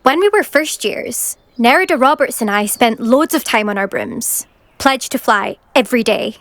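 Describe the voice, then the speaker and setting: In video game dialogue, a woman plays a boastful, brusque British teenage girl who races brooms competitively, sounding boastful and scornful. Her voice is on the high side and fairly bright, with lively intonation at normal speed. The recording is dry, with game music behind her.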